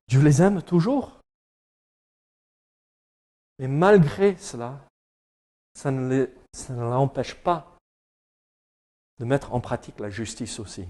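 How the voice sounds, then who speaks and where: During a church service, a man with a dark-toned, mid-range voice preaches a French sermon in an English-speaking accent. His intonation is lively but his pace slow, with long pauses; he jokes, chats with the congregation, and hesitates often.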